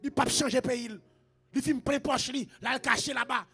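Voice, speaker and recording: A Haitian man preaching a shouted sermon, chanting repeated phrases in a steady rhythm. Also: very high-pitched, fairly quick, slightly rough, faint music behind.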